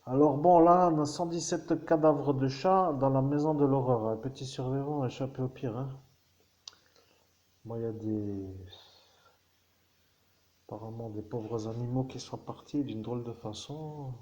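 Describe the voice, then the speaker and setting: Rambling man with a dark, mellow voice, muttering casual asides over crime headlines. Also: mid-range voice, measured pace, dull audio. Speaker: vlogger reading tabloid crime news.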